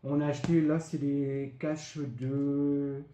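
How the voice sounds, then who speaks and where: Guy rambling thru his game haul w prices, mellow voice, echoey room with some hiss. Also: on the high side, little pitch movement, slow pace. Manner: chatty, lists items and prices with many fillers. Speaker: retro game collector vlogger. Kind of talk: casual show-and-tell of purchases. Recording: echoey room, faint background noise.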